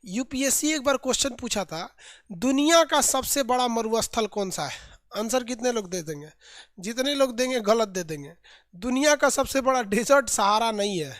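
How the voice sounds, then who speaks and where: A man's voice: very high-pitched, expressive, normal speed, fairly bright tone, dry recording, studio quality. A male teacher, leading a live online geography class in a casual, playful way and drilling lists by repetition.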